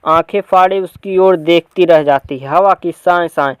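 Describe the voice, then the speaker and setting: A man's voice: high-pitched, moderate pace, smooth, no room sound. A man reading a play aloud for students, narrating the stage directions plainly. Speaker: teacher.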